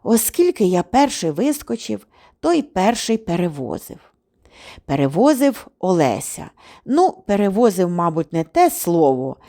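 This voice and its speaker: A woman giving an expressive audiobook narration. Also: mid-range voice. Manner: lively, expressive reading. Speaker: audiobook reader.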